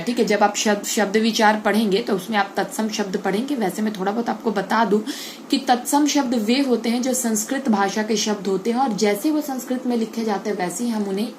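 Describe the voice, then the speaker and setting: A woman teaching an online Hindi grammar class, explaining step by step, saying example words slowly and checking in with the children. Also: on the high side, a little mellow, a little hiss or hum. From India.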